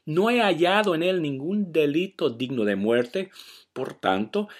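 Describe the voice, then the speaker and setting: A man's voice: a little high, expressive, a little slow. A man reading the part of Pontius Pilate, a troubled Roman governor raising pleading questions.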